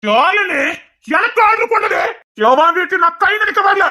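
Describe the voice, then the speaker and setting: A woman's voice: high-pitched, lively intonation, fast talker, fairly bright tone. A woman voicing a hot-tempered middle-aged man, a maternal uncle who blusters, threatens and boasts about his family line in an audio family drama. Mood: scolding.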